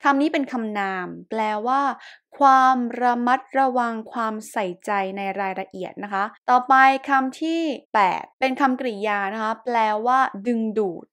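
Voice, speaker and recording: A woman from Thailand teaching French pronunciation, repeating each word slowly and patiently with polite, gentle phrasing. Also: a little high. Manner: slow, patient word-by-word repetition. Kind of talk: pronunciation lesson.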